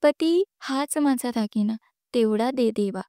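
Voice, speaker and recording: A woman's voice: a little high, a little slow, warm tone, smooth, no echo, clean studio sound, close to an everyday voice. A woman narrator voicing a devout young wife who tearfully begs the gods to spare her husband. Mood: pleading. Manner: pleading, tearful prayer.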